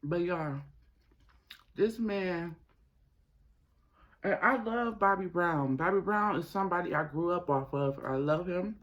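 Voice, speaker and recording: A man hosting a mukbang, talking casually to viewers with his mouth sometimes full, gossipy and emphatic, pausing and repeating phrases. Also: high-pitched, fairly bright tone. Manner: talks while eating, mouth sometimes full. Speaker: mukbang host. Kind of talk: casual chatty commentary to viewers while eating.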